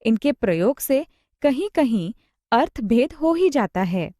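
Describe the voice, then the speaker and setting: A woman reading a scripted grammar lesson, spelling out examples one at a time in a slow, measured way. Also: a little high, big pitch swings, warm tone, no room sound, clean studio sound. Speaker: teacher.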